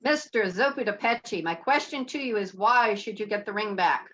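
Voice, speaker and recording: A stern, impatient judge, played by a woman who cuts people off curtly. Her tone is bright and sharp. The recording sounds dull and lo-fi. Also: mid-range voice, moderate pace, lightly acted. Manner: curt, no-nonsense.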